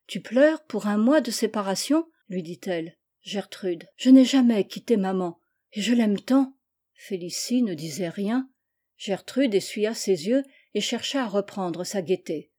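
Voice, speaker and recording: A woman's voice: mid-range voice, expressive, unhurried, dark tone. A woman reads a children's novel aloud. She raises her voice for the children's lines and drops it for names and narration. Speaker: reader. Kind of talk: reading a children's novel aloud, voicing dialogue.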